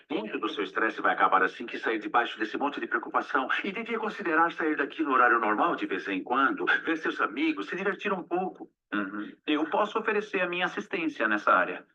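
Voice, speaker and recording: A man dubbing a film role of a calm, courteous older male intern who speaks in a gentle, measured, polite way. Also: medium pitch, far from the mic, highs cut off, heavily acted. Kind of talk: dubbed film dialogue.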